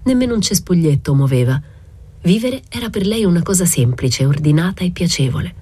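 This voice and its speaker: A woman reading a novel aloud as scripted literary narration, in a measured, even way. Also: fairly low pitch, breathy edge. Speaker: audiobook reader.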